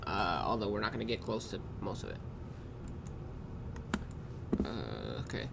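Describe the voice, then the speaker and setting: A man casually reviewing his trading day, tired and yawning, talking in a loose, unhurried way with drawn-out pauses and the odd swear word. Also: on the low side, lively intonation, very noisy. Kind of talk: casual screen-recorded trade review. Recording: clear keyboard typing in background.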